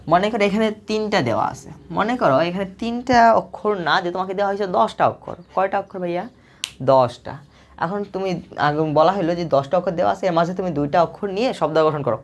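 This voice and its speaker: A woman with a deep, low-set voice works through a recorded math lesson. She talks patiently and repeats herself, firing questions at her students and answering them herself. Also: animated, fast. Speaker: math teacher.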